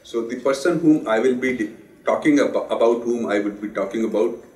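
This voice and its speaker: A man with a husky voice, hoarse from a sore throat and flu, giving a formal memorial lecture in a measured, earnest way. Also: mid-range voice, a little mellow, recorded from a distance. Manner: measured, earnest, with pauses and restarts. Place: lecture hall. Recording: roomy hall sound, speaker off the mic.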